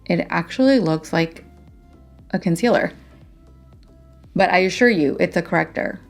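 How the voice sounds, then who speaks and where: Chatty woman reviewing makeup, lowish voice. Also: gravelly, soft background music. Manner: chatty and self-deprecating, quick asides. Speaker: beauty vlogger. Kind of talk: casual product review.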